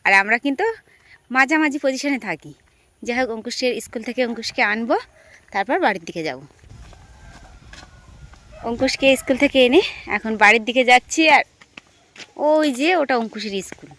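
A woman with a Sundarbans Bengali accent chats to her viewers while walking outdoors in the village. Her voice sits high and she talks casually, pointing things out as she goes, recorded on a handheld phone. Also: expressive, a little fast, long pauses, a bit bright. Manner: chatty, addresses viewers as friends. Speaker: vlogger. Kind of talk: casual vlog narration.

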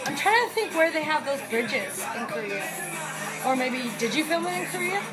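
A woman's voice: sits high, big pitch swings, moderate pace, over a noisy crowd, poor audio. A young woman co-hosting a reaction video, chatting playfully as she comments. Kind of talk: casual reaction chat. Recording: loud music and cheering behind.

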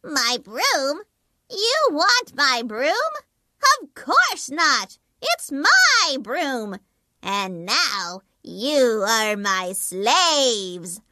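A woman reading a storybook aloud and voicing a cruel wicked witch with slow, drawn-out menace. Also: sits high, big pitch swings, sharp tone, dry recording, full character voice. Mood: menacing.

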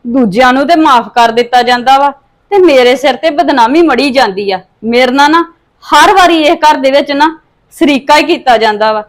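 A woman's voice: sits high, natural voice. A woman playing a wronged daughter-in-law accused of theft, pleading and aggrieved. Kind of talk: family drama acting.

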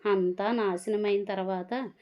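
A woman's voice: medium pitch, fairly even intonation, takes it slowly, close to an everyday voice. A woman voicing a heartbroken old grandmother who speaks tearfully and in despair, heard on a dull lo-fi recording. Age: older.

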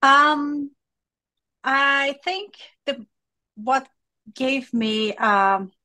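A woman from Brazil, a native Portuguese speaker with a Brazilian accent, telling her story as an interview guest in a halting way full of fillers. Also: mid-range voice, a bit bright. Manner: halting, with many fillers and restarts. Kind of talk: conversational interview.

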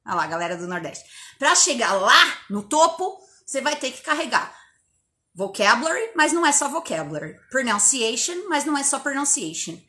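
Brazilian woman from inland São Paulo, high-pitched English teacher, punchy and casual, recorded at home. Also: moderate pace. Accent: inland São Paulo Brazilian Portuguese. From inland São Paulo state, Brazil. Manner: lively, emphatic, chatty, swears casually. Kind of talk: informal online lesson. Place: empty bedroom at home.

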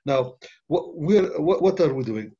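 An older man answering as a panelist on a webinar, halting with many uh fillers, over a laptop video call. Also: a little high, expressive, warm tone, slightly rough. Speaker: panelist, development bank official. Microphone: laptop webcam video call. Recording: muffled video-call audio.

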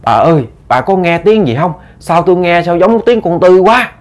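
A man's voice: fairly low pitch, rapid-fire, mellow, breathy edge. Uneasy old rural man over 60, voiced by the narrator, raised questioning tone.

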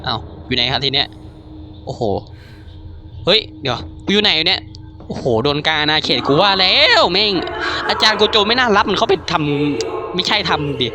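A man commenting casually on a horror game as he plays, excitable and jumpy, swearing freely. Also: sits high, a little fast, music in the background. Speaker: gaming YouTuber.

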